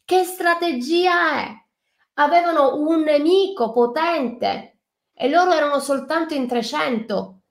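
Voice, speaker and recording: A woman's voice: sits high, echoey room. A woman preaching a fervent sermon, reading scripture aloud and exhorting the listener directly. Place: online live stream.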